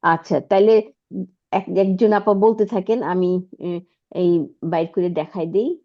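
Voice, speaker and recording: A woman's voice: medium pitch, fairly even intonation, moderate pace. A woman teaching Arabic grammar, explaining step by step and often asking her students whether they follow. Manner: checks understanding with frequent rhetorical questions. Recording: dull lo-fi audio.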